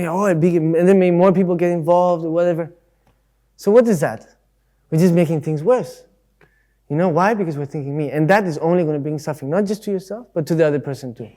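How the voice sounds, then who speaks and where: A man's voice: fairly high pitch, a little mellow. A man giving a casual, conversational Dharma talk at a Buddhist centre, explaining ideas through everyday examples. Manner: acts out voices in quotes.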